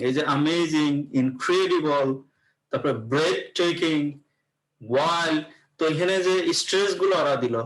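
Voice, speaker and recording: A man's voice: on the high side, fairly bright tone. A man giving an explanatory classroom lecture as an English teacher, often checking in with his students. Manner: explanatory, repeats "okay" to check in.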